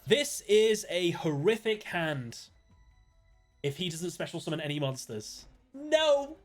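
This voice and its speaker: A British man chatting casually while streaming a card game, thinking aloud, greeting viewers and breaking into sudden excited outbursts. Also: a little high, unhurried, faint music behind. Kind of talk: casual live-stream gameplay commentary.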